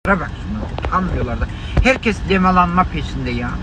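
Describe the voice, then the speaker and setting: High-voiced man ranting from a car. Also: lively intonation, moderate pace. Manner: indignant, scolding, exclamatory. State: hoarse from shouting. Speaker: livestreamer. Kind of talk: live-stream rant to viewers. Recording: loud car and street noise.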